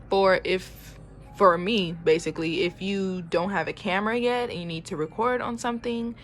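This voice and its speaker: A young woman in her twenties talks casually to her phone camera from home, voice sitting at an ordinary middle pitch. She rambles along with plenty of fillers and the odd playful exclamation. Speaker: vlogger. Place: at home, indoors.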